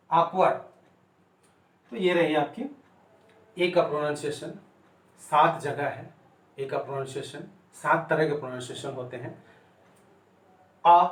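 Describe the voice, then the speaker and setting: A man teaching English pronunciation in a Hindi-language lesson, repeating each word and spelling it out letter by letter. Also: on the high side. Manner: slow and deliberate, repeats and spells out words. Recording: echoey room, voice distant from the mic.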